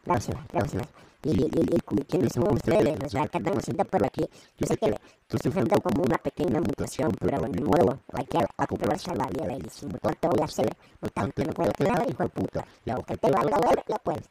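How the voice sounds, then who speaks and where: A half-robotic, filtered voice of a cow-faced male mutant, played by a man, stammering and wailing. The tone is dark and muffled but swoops widely up and down. Faint hiss sits under it. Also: medium pitch, sing-song, brisk. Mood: bewildered. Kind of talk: amateur comedy skit.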